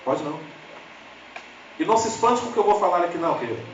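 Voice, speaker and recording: A man's voice: fast talker, highs cut off, slight background noise. A man with a Brazilian accent preaching a humorous storytelling sermon, chatting directly with the congregation. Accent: Brazilian Portuguese. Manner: swings into lively high voices for quoted people. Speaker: lay preacher. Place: church sanctuary. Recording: echoey church hall, slightly distant.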